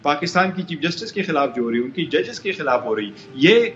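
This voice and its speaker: A man's voice: on the high side, animated, reverberant, lo-fi sound, slight background noise. A male lawyer arguing as a guest on a live TV debate, insistent and repeating phrases as he makes his point.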